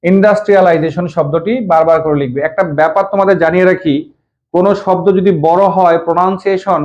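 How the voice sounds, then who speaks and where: A man's voice: high voice, darkish tone, dull audio. A man from Bangladesh teaching an English lesson in Bengali, explaining the text word by word, repeating meanings and asking his students questions.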